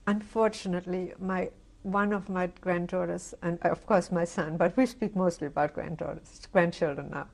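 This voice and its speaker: An older woman from Germany giving a reflective, halting oral history testimony, often restarting her sentences. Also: lowish voice, fairly even intonation, creaky, darkish tone. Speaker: interviewee. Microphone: interview recording.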